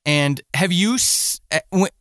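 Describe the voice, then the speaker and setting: A man with a slightly high voice hosts a relaxed podcast interview with a writer, speaking haltingly and rephrasing his questions mid-thought. His tone is animated and fairly bright, and the recording is close and dry with no room sound.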